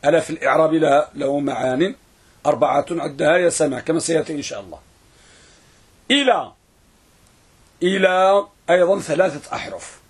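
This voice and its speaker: A man teaching a grammar lesson, who repeats words and draws them out slowly for students to write down. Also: a little high, animated, breathy edge. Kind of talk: classroom lesson.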